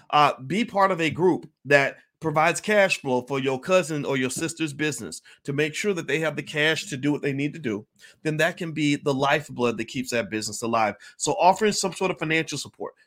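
Energetic man lecturing to camera. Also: fairly high pitch. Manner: energetic, emphatic, repeats key words; clears throat and coughs between points. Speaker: host. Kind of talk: casual talk to camera.

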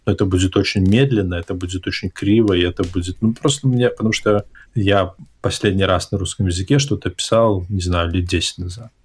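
Here a podcast host, a man with a low and husky voice, keeps a fairly even intonation and takes his time. In a casual interview he sounds thoughtful and hesitant, revising his words as he goes. He's in an English-speaking country abroad.

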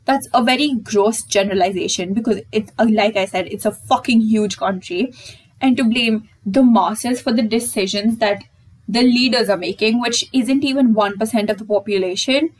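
A woman's voice: fairly high pitch, normal speed, rough recording. A young woman hosting her own podcast in casual solo chat, candid and emphatic and swearing freely. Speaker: podcast host.

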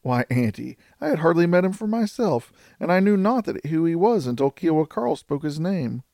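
A man voicing a polite, gentle young woman in a storybook reading, lifting his pitch for her lines. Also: big pitch swings, moderate pace, vocal fry, no room sound, clean studio sound. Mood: earnest.

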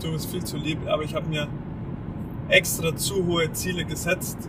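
A man in his twenties chatting casually as a podcast co-host, in degraded low-bitrate audio recorded in a moving car. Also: level tone, moderate pace. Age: 20s. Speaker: podcast co-host, master's student. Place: inside a car on the motorway. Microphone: off-mic, faulty setup. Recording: noisy moving car, distant faulty microphone. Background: road and engine noise.

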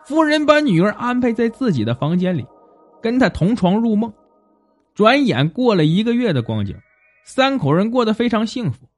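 A man narrating a folk tale in an animated, expressive way. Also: high voice, normal speed, soft background music. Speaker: storyteller.

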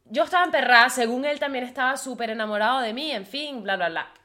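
Blunt, bright-voiced Venezuelan woman. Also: high voice, fast talker. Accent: Venezuelan Spanish. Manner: blunt, profane, frequent filler "o sea". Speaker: podcast host. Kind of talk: casual confessional monologue.

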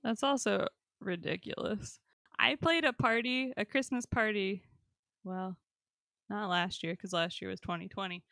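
A woman's voice: medium pitch, measured pace, gravelly, bright, forceful tone, dry recording, clean studio sound. A woman co-hosting a podcast, chatting casually with joking, self-deprecating asides. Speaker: podcast co-host. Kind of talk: casual chat.

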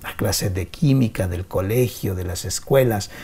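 A man's voice: on the low side, measured pace, dark tone, breathy edge. A man giving an informal lecture to a class over a video call, explaining things and asking rhetorical questions. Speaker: workshop presenter.

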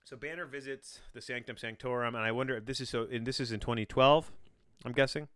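Speaking fast in a steady, mid-range voice that's clear, resonant and a little bright, a man runs his own solo podcast. He reads aloud in a relaxed way, breaking off often for amused, wandering tangents peppered with casual swearing. There's no room sound.

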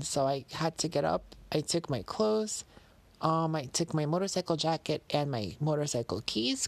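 A woman's voice: sits low, dry recording. A woman hosting an audio show, telling a personal story in a casual way. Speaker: show host.

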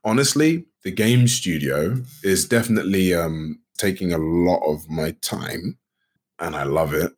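A man being interviewed as a guest, speaking in a relaxed, rambling way with many "you know"s and restarts. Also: sits low, a little slow, slightly rough. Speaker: guest, actor and game studio founder. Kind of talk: casual interview chat.

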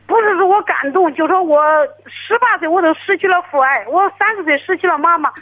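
High, fast, halting woman on a tinny phone line. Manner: halting, hesitant, restarts often. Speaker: caller. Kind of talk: phone-in to an advice show.

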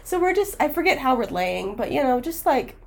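A woman with a hoarse, sick-sounding voice chats casually on a podcast. She sits a bit high in pitch with a lively, bouncing melody. Her stories come out giggly and dramatic. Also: brisk. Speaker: podcast co-host. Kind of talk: casual chat.

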